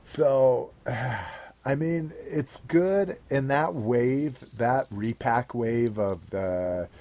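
A man's voice: mid-range voice, very slow, creaky, a little mellow. A man hosting a podcast in casual hobby chat, rambling and swearing freely. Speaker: podcast host.

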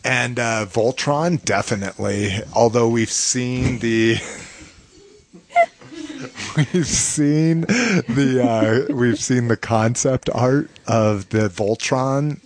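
A man's voice: mid-range voice, extremely slow. A man hosting a casual podcast, chatty and enthusiastic, with frequent restarts. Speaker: podcast host.

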